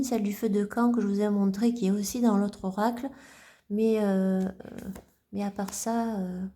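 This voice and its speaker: A woman vlogger casually showing her card decks, talking gently and haltingly with many restarts. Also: medium pitch. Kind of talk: casual show-and-tell vlog.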